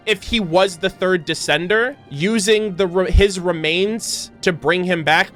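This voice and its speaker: With music in the background, this gaming creator rambles through loose, unscripted reactions to a video game, thinking aloud as he goes. He has a somewhat bright, higher-leaning male voice.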